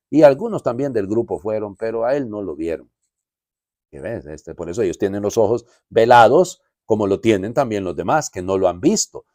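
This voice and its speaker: A man's voice: fairly low pitch, warm tone, no echo, clean studio sound. A man, a priest, giving a conversational homily full of asides and rhetorical questions.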